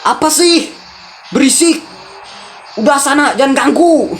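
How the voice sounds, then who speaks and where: A woman's voice: lowish voice, normal speed, music in the background, natural voice. A woman voicing a snappy, angry dad. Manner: snappy, bossy, dismissive. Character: short-tempered middle-aged father, shouting at family.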